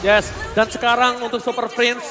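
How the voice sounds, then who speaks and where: A man's voice: extremely high pitch, little pitch movement. An Indonesian man giving emphatic, dramatic live play-by-play commentary on a mobile game match. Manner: emphatic, dramatic delivery with drawn-out calls. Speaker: esports commentator. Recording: echoey hall, loud music behind. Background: music.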